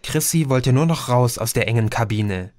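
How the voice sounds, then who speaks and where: A man reading an audiobook in measured, even storytelling. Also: mid-range voice, no echo, clean studio sound. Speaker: audiobook narrator. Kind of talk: scripted narration.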